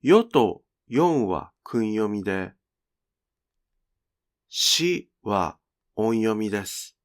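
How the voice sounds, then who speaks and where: A man teaching Japanese pronunciation in a clear, deliberate, teacherly way. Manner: slow, clear, teacherly with lively pitch. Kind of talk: scripted lesson narration.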